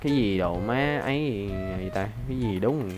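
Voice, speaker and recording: A man's voice: lowish voice, normal speed. Male streamer, rambly and foul-mouthed, faint music under him. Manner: rambling, profane, bursts into loud mocking taunts. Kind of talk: casual chat while playing a role-play game.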